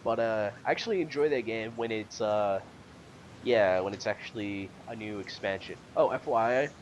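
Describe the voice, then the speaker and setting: A man's voice: lowish voice, moderate pace, muffled recording, slight background noise. A man co-hosting a casual gaming podcast, rambling and hesitant with lots of fillers. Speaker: podcast co-host.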